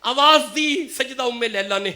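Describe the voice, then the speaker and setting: A man preaching an impassioned sermon at a mosque gathering, moving between hushed storytelling and loud declaiming. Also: extremely high pitch.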